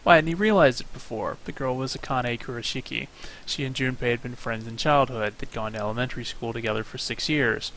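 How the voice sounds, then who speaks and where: A man's voice: medium pitch, fairly quick, few pauses, fairly bright tone, slight background noise, poor audio. A man streaming, reading a game's story aloud with wry asides. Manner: wry asides between narration. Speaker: streamer reading a visual novel. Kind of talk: reading aloud with casual commentary.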